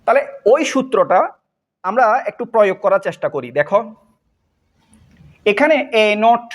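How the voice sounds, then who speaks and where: A man's voice: high voice, very animated, moderate pace. Guy teacher walking through a math problem step by step, quizzing then answering himself. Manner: explains step by step, asking and answering own questions. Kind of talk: whiteboard math lesson.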